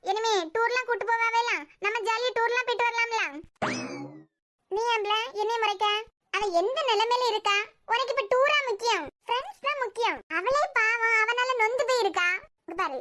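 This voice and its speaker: Woman doing a protective young woman friend, cartoon, Kanyakumari Tamil accent, shrill, firm, lecturing. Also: sharp tone.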